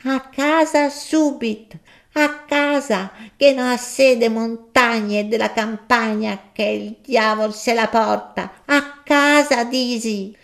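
A man's voice: very high voice, fairly even intonation, takes it slowly, vocal fry, fairly bright tone, pitched above the performer's own voice, heavily acted. A man reading a story, voicing an indignant older countrywoman who complains in Lombard dialect. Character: peevish older countrywoman Martina, grumbling.

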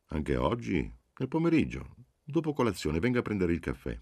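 A man voicing a doubtful, measured middle-aged professor on the telephone in an audiobook. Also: low-pitched, huge pitch swings, a little mellow, husky, no echo, studio quality, full character voice. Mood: guarded. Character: wary middle-aged male professor, guarded then yielding.

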